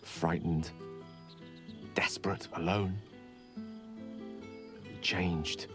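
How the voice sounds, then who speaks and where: An actor playing Gale, an eloquent, warm male wizard turned academic, speaking in an articulate, gently wry manner. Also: sits low, fairly even intonation, very slow, full character voice. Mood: reflective. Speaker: game character. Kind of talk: video game voice acting. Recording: game audio with clear music behind. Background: music.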